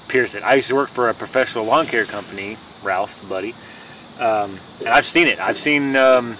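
A man's voice: medium pitch, a bit bright, a little hiss or hum. Young male yard vlogger, folksy rambling how-to delivery, recorded outdoors on a distant camera mic with faint crickets behind. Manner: rambling, folksy, repeats himself with restarts. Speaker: home lawn care vlogger. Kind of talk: casual how-to talk. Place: backyard lawn outdoors. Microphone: camera mic on a tripod some distance away.

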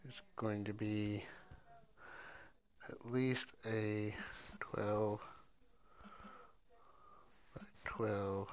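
A man's voice: fairly low pitch, flat delivery, very slow, long pauses, smooth. A man reselling storage-unit finds, talking through an online listing step by step and thinking aloud as he types. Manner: talks to himself while typing, thinking aloud. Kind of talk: screen-recorded listing walkthrough.

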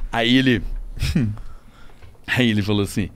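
A man's voice: medium pitch, slow pace. A man from Rio de Janeiro with a Carioca accent, telling casual, swearing anecdotes as a podcast guest. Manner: animated, swearing, laughing anecdotes. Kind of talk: casual storytelling.

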